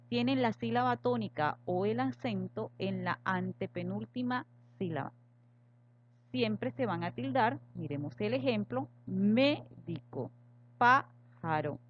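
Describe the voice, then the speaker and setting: A woman teacher giving a recorded grammar lesson, patiently spelling out example words slowly and with stress. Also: medium pitch. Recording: slightly dull lo-fi audio with faint hum.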